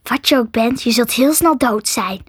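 A woman's voice: on the high side, normal speed, slightly rough, dry recording, studio quality. A woman voicing a mysterious, menacing cat-like creature in a hissing whisper, reading a storybook aloud. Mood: threatening.

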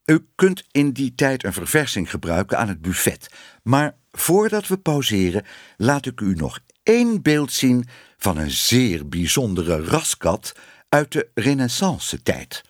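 A man's voice: medium pitch, very animated, measured pace, dry recording, studio quality. A man doing a pompous, formal lecturer. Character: Mr Smit, pompous lecturing gentleman.

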